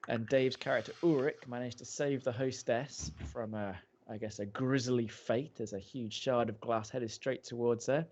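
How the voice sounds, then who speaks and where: A man's voice: mid-range voice, steady tone, normal speed, few pauses, darkish tone, a little hiss or hum. A man narrating a tabletop game as game master, in a loose, filler-heavy way, on dull lo-fi podcast audio.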